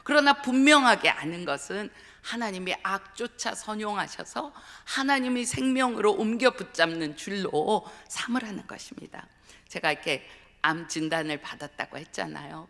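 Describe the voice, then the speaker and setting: Gravelly-voiced woman preaching in a reverberant church. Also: low voice. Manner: earnest, often drops to a hushed whisper for emphasis. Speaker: guest speaker at a dawn revival service. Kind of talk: sermon with personal testimony. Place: church sanctuary. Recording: long church hall reverb.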